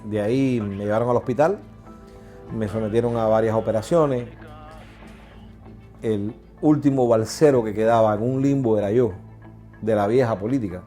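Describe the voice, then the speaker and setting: A man's voice: on the low side, normal speed, long pauses, dark tone, faint music behind. A middle-aged man with a Cuban Spanish accent, telling his own story in an interview and acting out the voices in it. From Cuba. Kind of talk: personal storytelling.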